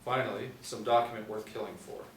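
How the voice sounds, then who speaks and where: This middle-aged narrator reads stage directions fast and flat, his voice on the low side. He is seated at a table read in a small room, reading off a tablet, and the sound is echoey, distant, and faintly noisy.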